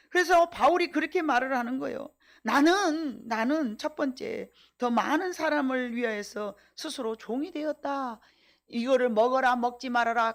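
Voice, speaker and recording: Woman pastor, middle-aged, high voice, emphatic sermon delivery with rhetorical questions.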